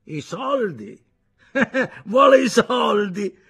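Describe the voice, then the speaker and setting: A man voicing a drunk, bullying camp brigade boss who mocks and shouts in a gravelly voice, in a dramatized audiobook reading. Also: high-pitched, sing-song, pitched above the performer's own voice, heavily acted. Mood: mocking. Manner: mocking, shouting, laughing, slow and sententious.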